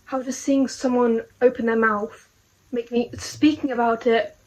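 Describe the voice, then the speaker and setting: A woman's voice: on the high side, level tone, unhurried, very noisy. A young woman talking to camera in a casual, rambling video diary, puzzled and full of rhetorical questions.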